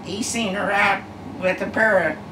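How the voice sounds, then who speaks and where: Sitting in her living room armchair, a woman in her nineties reminisces about family in a medium-pitched voice with fairly even intonation. Her storytelling is slow and rambling, dotted with pauses and uhs. A camera across the echoey room records it, along with background hum.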